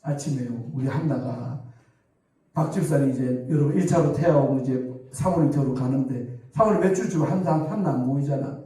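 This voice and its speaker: A middle-aged pastor with a Gyeongsang accent, preaching a sermon in a conversational storytelling way and acting out quoted dialogue. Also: male voice, mid-range voice, brisk, warm tone, far from the mic. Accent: Gyeongsang Korean. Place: church sanctuary. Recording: echoey church hall from afar.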